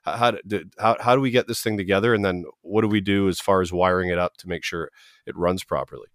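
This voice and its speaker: A man's voice: low-pitched, quick pace, fairly bright tone, no room sound, studio quality. A man hosting a casual trade talk show, asking questions with stammering restarts and jokey asides. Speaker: podcast host. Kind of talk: casual chat.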